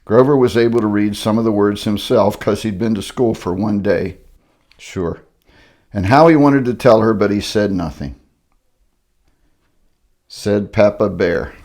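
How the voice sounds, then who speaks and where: Gravelly older man reading aloud. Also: lowish voice, measured pace, pauses often, a little mellow. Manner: wry, joking asides between lines. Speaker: grandparent reading to children. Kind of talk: reading a storybook aloud with asides.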